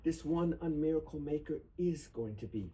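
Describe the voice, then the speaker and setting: A man giving a solemn poetry reading at a memorial, with deliberate, emphatic phrasing. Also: a little high, expressive, mellow. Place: bookstore reading event before a small audience. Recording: noisy live room recording.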